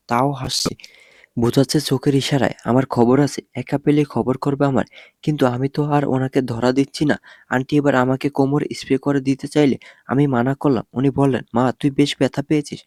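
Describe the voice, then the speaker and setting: A man narrating a first-person romance story with an expressive, dramatic reading. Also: mid-range voice, no echo, clean studio sound.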